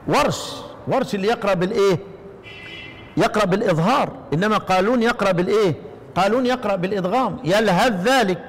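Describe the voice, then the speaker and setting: High-voiced Egyptian teacher in a reverberant hall. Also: male voice. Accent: Egyptian Arabic. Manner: quizzing listeners with repeated questions, chanting verse slowly. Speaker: Quran recitation teacher. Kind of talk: explaining a recitation poem to students.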